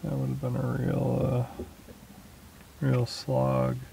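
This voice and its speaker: A man talking casually in a slow, halting way with many fillers, recorded in a small boat cabin at anchor. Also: mid-range voice, monotone, vocal fry, background noise. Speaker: small boat sailor vlogging. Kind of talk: casual spoken log.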